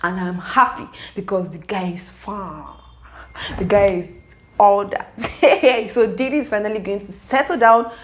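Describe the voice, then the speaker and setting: A woman's voice: mid-range voice, a little slow, slight background noise, poor audio. A young woman casually recapping a web series episode, talking straight to the characters. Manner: chatty, emotional asides to the characters.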